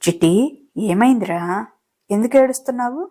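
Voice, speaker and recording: A woman's voice: fairly high pitch, brisk, warm tone, voice pushed up, close to an everyday voice. A woman voicing a rich young man in a romance audiobook, speaking with affectionate, playful coaxing. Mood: tender. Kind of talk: audiobook character reading.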